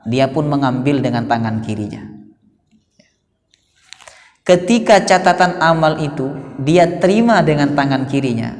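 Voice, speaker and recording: A male preacher explains scripture to a congregation at a mid pitch. He slows down to chant Arabic verses and keeps asking his listeners questions. His voice rings out through the long reverb of a large mosque hall. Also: lively intonation. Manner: addresses the congregation directly with rhetorical questions. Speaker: Quran teacher giving tafsir.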